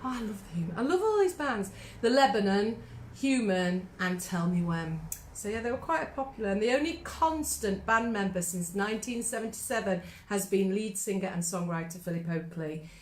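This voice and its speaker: A woman's voice: mid-range voice, lively intonation, moderate pace, slight background noise. Chatty woman in her fifties, roomy sound. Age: 50s. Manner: chatty, eagerly reading out trivia. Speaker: singing teacher co-host. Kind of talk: casual chat between songs.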